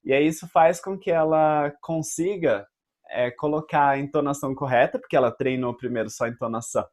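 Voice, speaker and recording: Deliberate Brazilian man explaining. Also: fairly high pitch, a little mellow. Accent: Brazilian Portuguese. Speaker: host. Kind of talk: casual debate.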